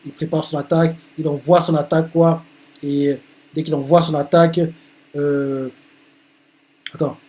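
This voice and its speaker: A man's voice: a little high, little pitch movement, unhurried, long pauses, dark tone. A man reacting live to a manga chapter, narrating the panels with many hesitant fillers.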